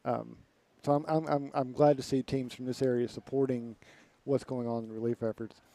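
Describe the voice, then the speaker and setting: A man's voice: medium pitch, fairly even intonation, moderate pace, vocal fry, mellow, no echo. A man hosting a sports radio show, asking friendly, conversational questions. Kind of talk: radio interview.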